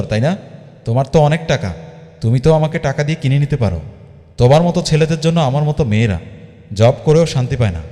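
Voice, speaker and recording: A man's voice: medium pitch, darkish tone, big-room sound, natural voice. A man voicing a pushy, melodramatic young woman on a first date, demanding and scolding.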